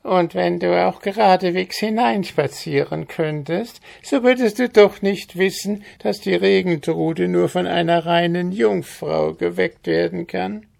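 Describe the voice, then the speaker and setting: A man's voice: high voice, unhurried, creaky, hardly any pauses, a little mellow, pitched above the performer's own voice, heavily acted. A man voicing a small, spiteful male goblin with a quacking, squawky voice and a mocking, sing-song way of talking in an audiobook. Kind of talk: audiobook character voice.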